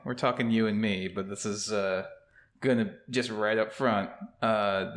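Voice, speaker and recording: The speaker is a young adult podcast co-host whose low, fairly bright voice carries a little hiss or hum. Indoors in his empty new home office, his rambling casual talk, packed with fillers and restarts, echoes like a cave off the bare walls.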